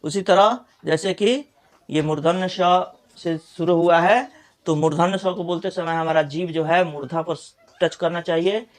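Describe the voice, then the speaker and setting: A middle-aged man with a Bihari Hindi accent teaching pronunciation, saying example words slowly one at a time. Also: a little high. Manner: slow, deliberate, repeats example words one by one. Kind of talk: pronunciation lesson.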